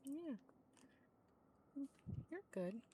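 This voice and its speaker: A woman streaming from her home desk in casual chat, cooing softly to her cats and often dropping to a hush. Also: high-pitched, sing-song, extremely slow, slight background noise, poor audio. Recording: clear background music. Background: music.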